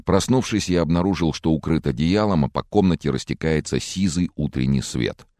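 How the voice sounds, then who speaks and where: A man narrating a thriller audiobook in the first person, calm and even. His voice is extremely deep, and the recording is close and dry with no room sound. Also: a little fast, no echo.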